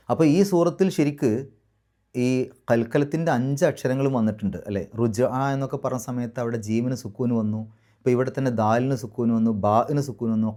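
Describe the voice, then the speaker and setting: A man teaching Quran recitation rules, patiently slowing down to model each word. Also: medium pitch, a little mellow. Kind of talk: explaining recitation rules in a class.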